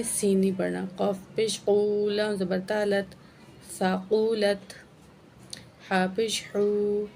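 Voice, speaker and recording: A woman teaching Quran reading, slowly spelling out letters and syllables one by one, with brisk explanations in between. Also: mid-range voice, darkish tone, a little hiss or hum. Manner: slow, drawn-out syllable-by-syllable drilling with brisk explanations.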